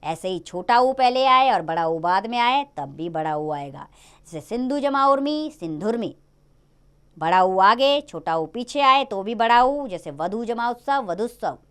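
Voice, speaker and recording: A woman's voice: fairly high pitch, measured pace, clear, resonant tone. A woman teaching a grammar lesson to children, explaining rules step by step and stressing each example. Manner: lively, sing-song explaining with stressed examples.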